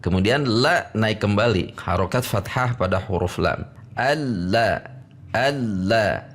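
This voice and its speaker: A man's voice: on the low side, normal speed, fairly bright tone. A middle-aged man teaching Quran recitation step by step, patiently sounding out and repeating each syllable.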